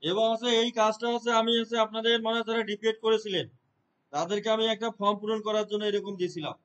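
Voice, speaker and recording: A man's voice: high-pitched, fairly even intonation, quick pace, a bit bright, poor audio. A man teaching a computer lesson, explaining step by step and checking his students' understanding with frequent short questions. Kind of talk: classroom lesson.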